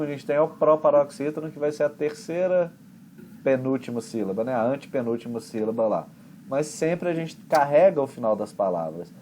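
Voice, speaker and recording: A man with a Brazilian accent, an English teacher explaining pronunciation in a chatty, relaxed way with homely examples. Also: medium pitch, a little hiss or hum. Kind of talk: conversation class explanation.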